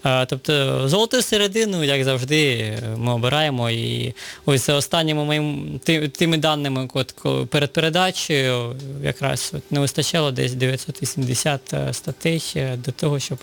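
A man speaking as a guest on a radio show, halting and restarting words as he explains. His voice has a gravelly fry, yet it stays smooth and resonant. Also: mid-range voice, a bit bright. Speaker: studio guest. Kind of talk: radio interview.

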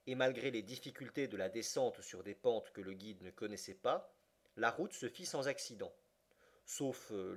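A man narrating a classic adventure novel as an audiobook, with an expressive reading that climbs high for excited passages. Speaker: audiobook reader.

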